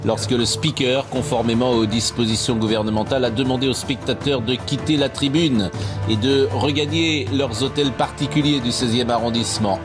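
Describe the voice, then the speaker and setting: A man's voice: mid-range voice, fairly even intonation, normal speed. Man narrating a TV report over music.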